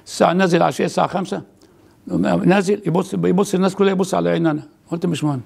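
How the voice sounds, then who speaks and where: An older priest with an Egyptian Arabic accent tells a story in a high, heavily gravelly voice. His speech is husky and rushes along very fast, stumbling into restarts and repeated words. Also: little pitch movement, darkish tone. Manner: rapid, halting retelling with many restarts and repeated words. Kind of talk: casual storytelling in a conversation.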